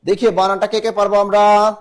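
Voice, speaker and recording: Brisk Bangladeshi Bengali teacher, high voice. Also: male voice, level tone. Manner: brisk, urging students to answer fast; spells words out letter by letter. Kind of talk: live online spelling class.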